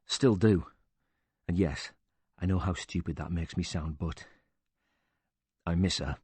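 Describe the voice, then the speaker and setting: A man voicing a bitter, quick-tempered older widower who talks with indignant sarcasm and swears freely. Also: sits low, a little mellow, slightly rough, dry recording.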